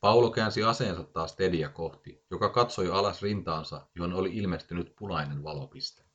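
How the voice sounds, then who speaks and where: A man narrating a story in a measured, scripted audiobook reading, heard in a dull lo-fi recording. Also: low-pitched, a bit bright.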